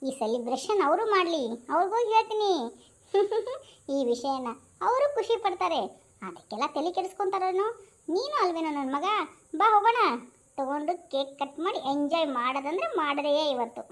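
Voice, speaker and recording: A woman's voice: extremely high pitch, very animated, moderate pace. A woman playing a fussy, kind-hearted grandmother aunty in a comic skit, fond and scolding. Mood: cheerful.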